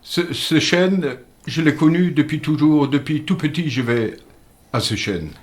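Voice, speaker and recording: Village history comes from an older man from Moselle, France, a native Alsatian-Lorraine Franconian dialect speaker interviewed on radio through a studio microphone. His voice is on the high side, and he's an earnest, measured storyteller who restarts haltingly.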